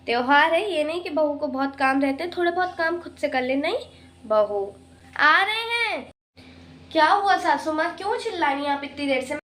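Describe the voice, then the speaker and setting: Brief: fussing daughter-in-law and mother in a home skit, played by a woman, high voice. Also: expressive, normal speed, fairly bright tone. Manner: grumbling, fussing over chores. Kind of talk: comic family skit.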